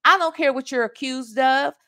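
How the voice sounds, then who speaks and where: A high-voiced woman from Ohio, in her forties and speaking with a Southern accent, reacts at a moderate pace to a call played on her video. Sitting in a small room at home before a webcam and desk mic, she keeps her commentary casual, lively, and full of sass and emphasis.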